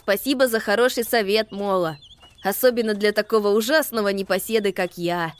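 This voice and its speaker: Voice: clear, resonant tone, natural voice. A reader voicing a restless, easily frightened little boy mouse who is afraid of heights, in an audiobook. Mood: grateful. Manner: excitable, high and quick to complain. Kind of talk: audiobook character voice.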